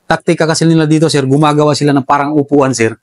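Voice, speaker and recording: A soldier telling how the enemy operated, in a relaxed interview, respectfully calling his listener sir throughout. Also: fairly high pitch, racing, no echo. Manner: respectful, says "sir" constantly. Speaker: soldier recounting enemy tactics. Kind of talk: casual interview storytelling.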